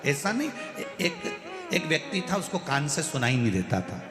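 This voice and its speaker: A man giving a devotional sermon, telling a funny parable with lively acted-out dialogue. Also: fairly high pitch, moderate pace. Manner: animated, acts out shouted dialogue in the story. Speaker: religious storyteller. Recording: echoey hall with faint music.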